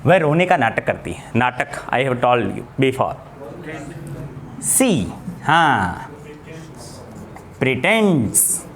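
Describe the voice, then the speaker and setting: A man teaching spoken English, slowly repeating words and mixing Hindi with English. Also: medium pitch, a little hiss or hum.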